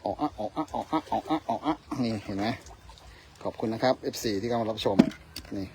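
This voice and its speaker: A man's voice: lowish voice, a little fast, heavy background noise. A man casually commenting on his fishing to viewers outdoors by a river at dusk, speaking to them directly and politely. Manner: chatty, addresses viewers directly, tags lines with polite particles. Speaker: fishing vlogger.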